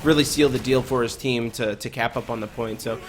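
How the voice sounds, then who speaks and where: A man giving casual play-by-play commentary on a live esports match, talking quickly with frequent fillers. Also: medium pitch, fairly even intonation, slight background noise. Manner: quick, chatty, many fillers. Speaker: esports caster.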